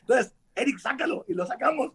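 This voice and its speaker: A man with a Mexican accent telling lively stories in casual chat, acting out quotes. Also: extremely high pitch, fairly quick, breathy edge. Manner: animated, laughing, acting out shouted quotes. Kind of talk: casual storytelling.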